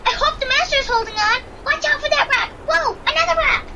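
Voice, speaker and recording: A woman's voice: very high-pitched, brisk, bright, forceful tone, heavily acted. A woman voicing a plucky, reassuring young lead sled dog in a children's audio drama. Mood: panicked, urging. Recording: dull recording with faint noise.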